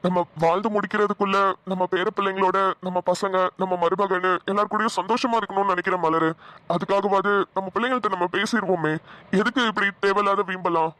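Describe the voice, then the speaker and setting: A performer voicing a fumbling old cartoon husband who coaxes and trips over his words. His voice sits mid-range and sounds close and dry. He stays gentle and a little sheepish. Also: mid-range voice, fairly even intonation, fast talker, no echo, lightly acted. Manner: stammering, coaxing. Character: elderly husband and father, gentle, fumbling, jokey. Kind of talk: cartoon dialogue.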